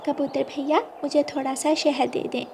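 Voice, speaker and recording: Young sparrow bride voiced by a woman, bright high pitch, polite and obedient, slight hiss. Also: flat delivery, moderate pace, gravelly. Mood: eager. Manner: polite, eager. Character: dutiful young sparrow daughter-in-law, eager and obedient. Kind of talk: storybook cartoon voice acting.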